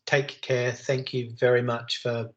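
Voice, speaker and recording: An Australian man closing out an online lecture on a video call. He talks in long, rambling strings of descriptive words, with lots of "um" and "you know" and frequent restarts. His voice sits at an ordinary pitch for a man. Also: flat delivery, measured pace, fairly bright tone, highs cut off. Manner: rambling, full of fillers and restarts. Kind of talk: online class wrap-up.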